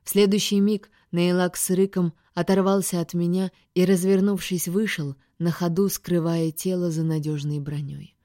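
A woman reading a first-person science-fiction audiobook in a steady, expressive way. Her voice sits low and mellow, recorded dry and close with no room sound. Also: normal speed, few pauses, dry recording. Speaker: audiobook reader.

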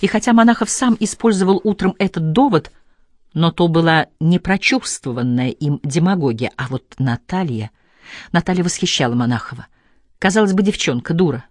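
A woman narrating a literary novel in a measured, thoughtful manner, slowing on key phrases. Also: on the low side, animated, darkish tone, no echo, studio quality. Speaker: audiobook narrator. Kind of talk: scripted narration.

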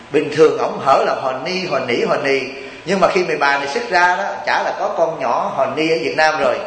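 A man's voice: on the high side, a bit bright, echoey room, in a large hall, a little hiss or hum, rough recording. A Buddhist monk from Vietnam gives a chatty, joking sermon, teasing his listeners and asking them rhetorical questions.

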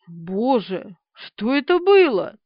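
A woman's voice: extremely high pitch, big pitch swings, normal speed, no room sound, voice pushed up. Fyodor, a woman doing a groaning young joker. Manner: whiny, groaning. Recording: dry, slightly dull studio recording.

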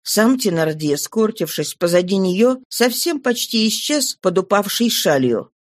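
An audiobook narrator reading a classic novel at an even, steady pace, in a mid-range voice. The recording is close and dry, with no room sound. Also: medium pitch, a little slow, dry recording.

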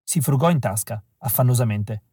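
A male audiobook reader narrating a story in a wry, deadpan way. His voice sits at a middle pitch. The recording is dry and close, with no room sound. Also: moderate pace, slightly rough, dry recording. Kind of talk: scripted narration.

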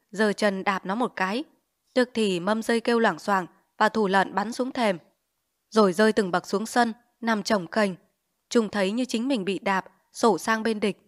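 A woman narrating a novel as an audiobook, with steady storytelling delivery. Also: mid-range voice, dry recording, studio quality.

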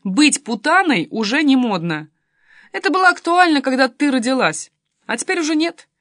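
Lady reader doing a sassy teen girl, high and bouncy, dry close sound. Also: sing-song, fairly bright tone, dry recording. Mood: cheeky. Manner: quick, teasing, pert. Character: cheeky teenage girl, mocking and bold.

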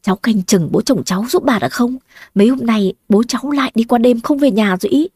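A woman's voice: a little high, fast, darkish tone, husky, no room sound, studio quality. A woman voicing a fretful, scheming old grandmother, coaxing and complaining.

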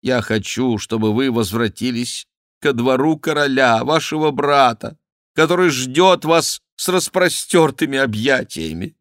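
A man voicing an aging, scheming queen mother who pleads with her son in a raised, drawn-out way. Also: mid-range voice, a bit bright, no echo, clean studio sound, voice pushed up, natural voice. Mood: imploring.

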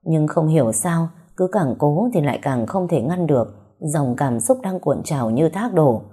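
Woman reading a story aloud, low warm voice, steady and unhurried. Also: slightly rough. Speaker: narrator. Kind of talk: storybook narration.

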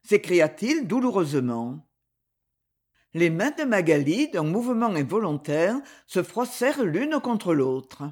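A woman narrating a classic romance novel in an audiobook, with a measured, expressive reading. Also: lowish voice. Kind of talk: scripted narration.

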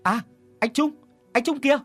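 A man voicing a frightened little girl who cries out and pleads in a high voice. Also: measured pace, fairly bright tone, no echo, faint music behind. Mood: eager.

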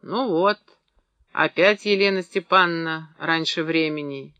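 A man reading the lines of a gruff, stout middle-aged woman who cleans a small clinic and scolds patients bluntly. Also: on the high side, measured pace, pushed and bright, no room sound, highs cut off. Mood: scolding.

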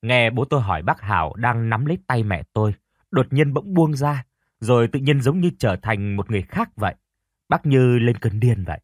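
A man narrating an audiobook story in a steady, measured way. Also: medium pitch, no room sound, clean studio sound.

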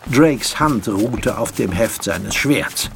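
A man reading an audiobook in slow, expressive narration. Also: lowish voice, creaky. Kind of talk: scripted narration.

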